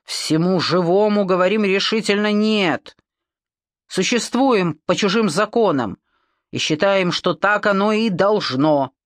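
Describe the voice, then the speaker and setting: A woman's voice: mid-range voice, a little slow, no echo, clean studio sound, natural voice. A woman voicing a bold, sarcastic young woman in an audiobook. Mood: defiant mocking. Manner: defiant, sarcastic.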